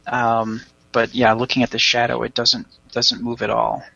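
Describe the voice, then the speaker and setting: A man's voice: mid-range voice, completely flat delivery, measured pace, creaky, bright, forceful tone, highs cut off. A man co-hosting a casual podcast, making joking, self-deprecating asides. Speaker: podcast co-host. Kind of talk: casual chat.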